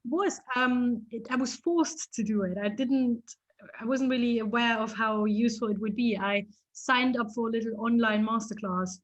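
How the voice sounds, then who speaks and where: A woman from East Germany, a photographer, telling stories in a casual interview with lively restarts and laughter. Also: a little high, normal speed, rough recording. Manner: animated storytelling, frequent restarts and laughs.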